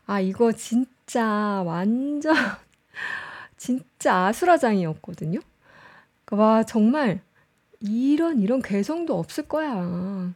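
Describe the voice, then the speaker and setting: A woman's voice: on the high side, expressive, slow pace, darkish tone. A woman casually commenting on show clips, chatty and often laughing as she explains. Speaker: host reviewing show clips.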